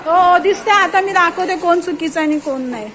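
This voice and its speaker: A woman's voice: extremely high pitch, normal speed, a crowd in the background. A woman arguing with office staff while filming on her phone, insistent and confrontational, repeating her words over and over. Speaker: parent filing a complaint. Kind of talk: heated confrontation filmed live. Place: busy government office, indoors. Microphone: phone camera held while filming. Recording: noisy crowded office.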